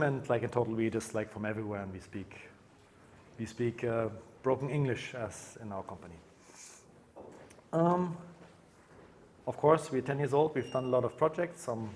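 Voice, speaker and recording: A man's voice: medium pitch, darkish tone, slight background noise. A man from Germany giving a conference talk on stage, speaking casually with many fillers and restarts. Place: conference room.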